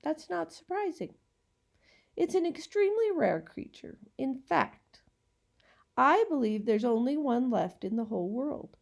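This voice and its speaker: A woman's voice: high voice, very animated, unhurried, gravelly, voice pushed up, exaggerated voice. A woman voicing a cheerful, odd little old man in a storybook who talks politely and eagerly. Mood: chatty.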